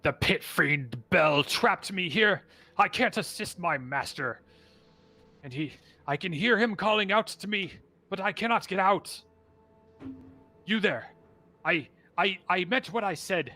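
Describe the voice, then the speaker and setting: Man doing a hulking gorilla-like wizard, indignant, pleading, high and forceful. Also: expressive, measured pace, faint music behind, heavily acted. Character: hulking gorilla-like male wizard, trapped and furious.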